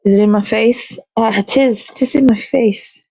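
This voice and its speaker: Chatty and rambling, a female host talks casually while crafting, often correcting herself. Her voice is a little high, steady, warm and husky at a normal pace, recorded dry and rough.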